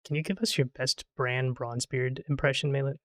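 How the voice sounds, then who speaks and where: A man's voice: mid-range voice, steady tone, fairly quick, dry recording, clean studio sound. A man streaming and chatting casually while gaming, rambling and teasing his friend in a playful way.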